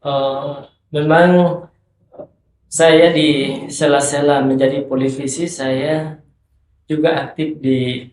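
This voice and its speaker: A man's voice: a little high, flat delivery, slow, long pauses, a little mellow, reverberant, slight background noise, rough recording. A man in his thirties, a politician guest on a podcast, speaking earnestly about public service. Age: 30s. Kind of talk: podcast interview.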